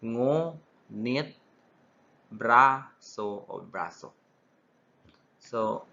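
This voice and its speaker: A young man teaching a lesson at an unhurried, slow pace, his voice bright and forward. He lays out terms deliberately, repeating them and correcting himself mid-word. The recording is dull and lo-fi. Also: medium pitch. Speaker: student teacher.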